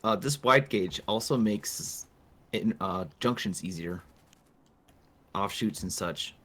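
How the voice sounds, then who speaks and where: Low-voiced dude co-hosting a game review, calm and plain, keys clacking behind. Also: male voice, takes it slowly. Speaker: co-host. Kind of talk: casual gameplay review chat.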